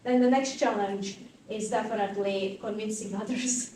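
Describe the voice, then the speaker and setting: A woman from Croatia speaks at normal speed in a mid-range voice, captured by a distant mic in an echoey conference room with faint noise. As an interview guest and fashion activist, she answers animatedly, thinking aloud with lots of fillers.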